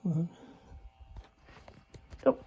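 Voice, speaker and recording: Speaking very slowly in a recording with the highs cut off, an older radio repairer gives a casual hands-on demonstration of a restored chassis. His manner is understated and hesitant, with remarks that trail off.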